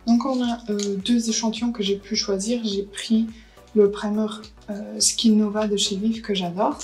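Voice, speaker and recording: A woman's voice: mid-range voice, level tone, a little slow, a little mellow, faint music behind, rough recording. A woman, chatting casually through a beauty haul and unboxing, thinking aloud with lots of hesitations. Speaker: beauty vlogger.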